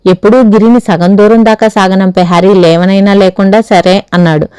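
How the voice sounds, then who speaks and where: Mellow woman reading a story. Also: mid-range voice, steady tone, normal speed, clear, resonant tone, dry recording. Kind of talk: audiobook narration.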